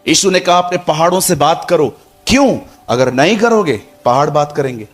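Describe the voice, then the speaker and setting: High-voiced man preaching a lively sermon. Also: moderate pace, soft background music. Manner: lively, acts out dialogue, addresses congregation.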